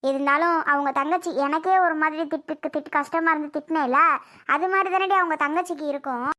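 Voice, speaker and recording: Performer playing a mother, high bright voice, insistent lecturing, family drama skit. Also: quick pace. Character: scolding, worried mother giving advice.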